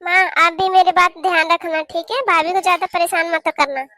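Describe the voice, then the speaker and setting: A woman's voice: extremely high pitch, little pitch movement, normal speed, sharp tone, no room sound. A woman voicing a caring young married daughter in a cartoon, talking in an earnest, pleading way. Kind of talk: cartoon voice acting.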